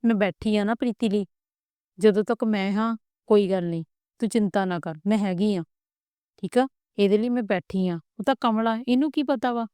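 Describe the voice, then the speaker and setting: A woman's voice: medium pitch, normal speed, mellow, clear, resonant tone, no room sound, studio quality, close to an everyday voice. A woman voicing a kindly, protective older mother-in-law, soothing and homely.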